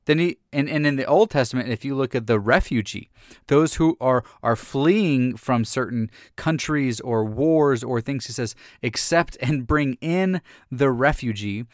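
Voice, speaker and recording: A man in his thirties, a pastor, talks through his faith in a casual, earnest way and often restarts his sentences. His voice sits at a middle pitch. The recording is dry and close. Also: normal speed, no room sound. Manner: earnest and animated, with many restarts.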